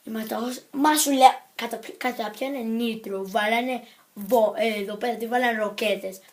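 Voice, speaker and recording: A woman's voice: a little high, fairly even intonation. A woman talking to the camera in a casual vlog, rambling playfully, jumping between topics and correcting herself. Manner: scattered, jumps between topics and self-corrects; playful and silly. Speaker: vlogger.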